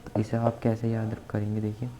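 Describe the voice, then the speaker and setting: In a fairly low, monotone voice and at a brisk clip, a man runs an exam-prep vocabulary lesson. He spells words letter by letter and repeats key words as he lays out memory tricks, over poor audio with faint background noise.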